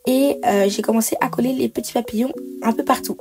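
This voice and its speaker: A woman's voice: on the high side, brisk. A woman giving a chatty craft tutorial voice-over, explaining each step with frequent hesitations. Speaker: bullet journal creator.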